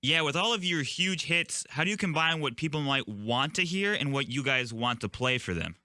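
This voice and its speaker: Bright-voiced male radio host. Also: fairly high pitch, lively intonation, normal speed, no echo. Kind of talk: radio interview.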